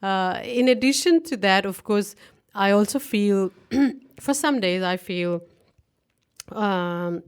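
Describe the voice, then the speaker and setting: A woman's voice: mid-range voice, takes it slowly, smooth. A woman hosting a radio interview, chatty and laughing often, with hesitant fillers. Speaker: radio show host.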